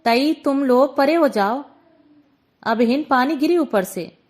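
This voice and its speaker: Storybook figure: a woman voicing a quarrelsome older auntie, shrill and scolding, pitched a bit high. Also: expressive, takes it slowly, full character voice. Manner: scolding, raised and sharp.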